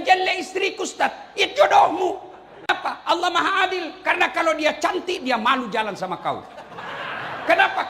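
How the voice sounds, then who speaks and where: High, lively male preacher in an echoey hall. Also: slight background noise. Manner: animated, teasing, jumps between loud punchlines and hushed asides. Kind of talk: humorous sermon to a live audience. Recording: roomy echoey hall with faint ambience.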